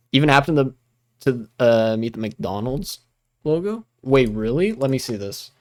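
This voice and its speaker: A man's voice: medium pitch, expressive, takes it slowly. A young man hosting a casual livestream, reacting to what he reads on screen in a rambling, profane way, with many fillers and bursts of laughter. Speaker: livestream host.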